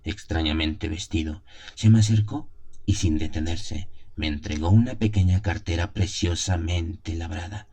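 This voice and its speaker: Over background music, a man with a low-pitched, warm voice narrates a gothic tale in first person at normal speed. It's a scripted audio drama, and his storytelling is solemn and theatrical.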